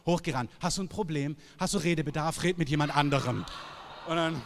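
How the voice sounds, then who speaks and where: Preacher, male, high voice, emphatic conversational sermon, long hall reverb. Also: a little fast, a little hiss or hum. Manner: lively, emphatic, conversational preaching with sudden loud bursts.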